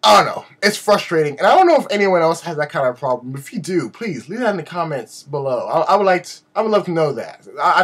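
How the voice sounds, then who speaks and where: A video blogger gives a casual, rambling vlog update, animated and self-deprecating, his fairly high-pitched male voice slightly raspy from a sore throat.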